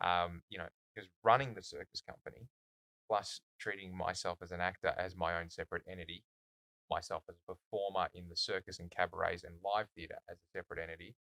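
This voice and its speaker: A man, a podcast guest speaking in a measured, reflective way with plenty of fillers. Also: low-pitched, steady tone, pushed and bright, no echo, poor audio. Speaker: guest, circus company founder. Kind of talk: casual conversational interview.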